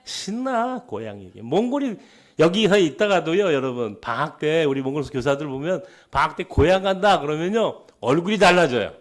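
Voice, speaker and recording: A man's voice: a little high, normal speed. A middle-aged Korean man preaching a sermon as pastor, with a light Chungcheong dialect, telling stories and acting out conversations, sometimes dropping to a whisper. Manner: animated storytelling, acting out dialogues, dropping to whispers.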